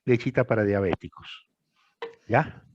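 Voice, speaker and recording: A man's voice: lowish voice, unhurried, slightly rough, dull audio. An older man tutoring a student one on one, emphatic and repeating phrases for stress. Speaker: thesis tutor.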